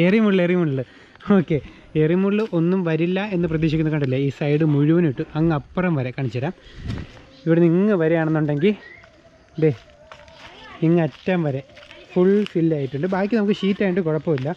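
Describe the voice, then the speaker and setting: A man from Kerala chatting casually as he shows off his backyard aviary outdoors, talking to his birds and helpers while his throat is sore from talking loudly. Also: fairly high pitch, brisk, long pauses, highs cut off. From Kerala, India. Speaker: aviary vlogger. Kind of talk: casual vlog narration. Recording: loud rain noise outdoors. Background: rain and birds.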